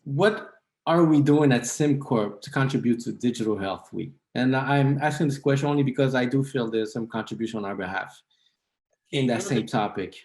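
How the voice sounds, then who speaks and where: A man co-hosting a casual podcast who asks questions and gives short, calm replies. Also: medium pitch, moderate pace. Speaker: podcast co-host.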